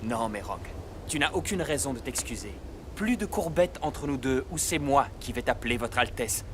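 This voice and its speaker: A man's voice: mid-range voice, lively intonation, moderate pace, lightly acted. A man playing a friendly, unpretentious prince in a dubbed film. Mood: warm, familiar. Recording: faint background noise.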